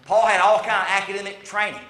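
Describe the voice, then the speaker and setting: A man, preaching a sermon as interim pastor in an animated, conversational way, often stammering over his restarts. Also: high voice, fast talker. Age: 50s. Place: church sanctuary. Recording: roomy church sanctuary echo.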